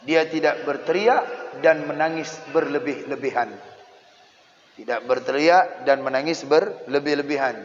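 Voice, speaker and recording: Animated man teaching in a mosque hall. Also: on the high side. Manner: animated, acts out children and parents in quick asides. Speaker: religious teacher. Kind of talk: mosque study lesson. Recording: dull lo-fi sound with long hall reverb and faint hiss.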